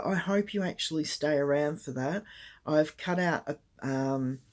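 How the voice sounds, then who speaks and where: An older woman with a croaky voice, chatting casually to camera as a craft channel host, rambling with lots of ums, recorded on a tablet. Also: sits low. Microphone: tablet camera mic.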